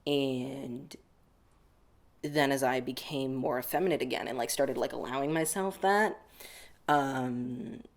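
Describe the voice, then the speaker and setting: A young man from the US speaks at a measured pace in a medium-pitched voice while answering interview questions. He sounds reflective and casual, leaning heavily on "like."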